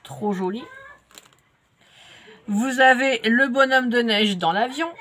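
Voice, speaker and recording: Slow-talking woman with a stuffy nose. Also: fairly high pitch, fairly bright tone. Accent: French. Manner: chatty, many fillers and restarts. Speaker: crafts vlogger. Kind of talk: casual product unboxing.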